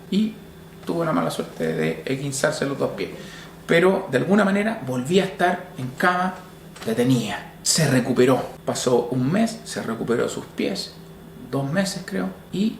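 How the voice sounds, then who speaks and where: Middle-aged Chilean man, slow reflective testimony, gravelly texture, roomy echo. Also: fairly high pitch, a little hiss or hum. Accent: Chilean Spanish. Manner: slow and reflective, with many pauses and restarts. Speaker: grieving father telling his story. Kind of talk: personal testimony.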